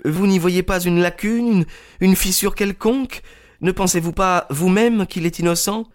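A man's voice: sits high, moderate pace, voice pushed up, lightly acted. A man voicing an agitated young woman in a storybook reading, pleading urgently in a raised voice. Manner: pleading, breathless insistence.

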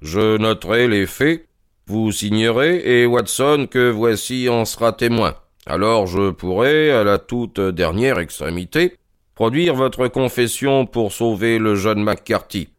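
A man voicing a calm, shrewd detective who speaks softly and gravely, in a slow, deliberate way. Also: fairly low pitch, dry recording, studio quality. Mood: grave, gentle. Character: calm shrewd male detective, middle-aged, gentle and grave.

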